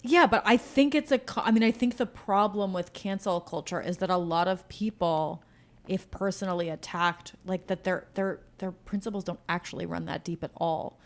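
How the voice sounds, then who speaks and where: At normal speed and in a lowish voice, a woman co-hosting a laid-back political podcast states her views bluntly. Her phrases are short and declarative.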